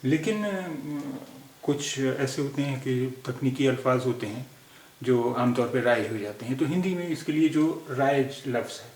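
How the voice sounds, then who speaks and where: A man from India teaching a language lesson, patiently going over spelling corrections and repeating each word with many pauses. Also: mid-range voice, a little mellow, echoey room.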